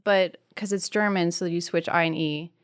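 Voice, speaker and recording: A woman's voice: on the low side, fairly even intonation, moderate pace, smooth. A young woman co-hosting a comedy podcast, chatting casually with a dry humor. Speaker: podcast co-host.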